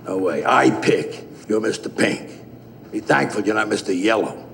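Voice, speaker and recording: An actor playing a gruff, bossy older male crime boss with a gravelly voice, blunt and profane in crime film dialogue. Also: fairly low pitch, moderate pace, fairly bright tone. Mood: irritated, commanding. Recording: noisy, long reverberant room sound.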